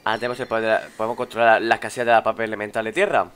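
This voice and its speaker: A man's voice: on the low side, rapid-fire, clear, resonant tone, soft background music. A man with a Spanish accent from Spain, commenting on a video game as he plays and reading its dialogue aloud. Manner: excitable, reads game dialogue aloud between loud reactions. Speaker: let's play host. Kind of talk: gameplay commentary.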